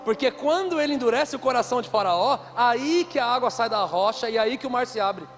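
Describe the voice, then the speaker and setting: A man's voice: very high voice, brisk, soft background music. A man preaching a conference sermon into a handheld microphone, telling stories with playful asides. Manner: lively storytelling with playful asides.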